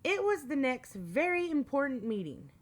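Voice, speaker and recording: A woman librarian reading a picture book aloud in an expressive storytime manner, with a light Texan accent. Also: high-pitched, normal speed. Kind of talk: storytime read-aloud with character voices.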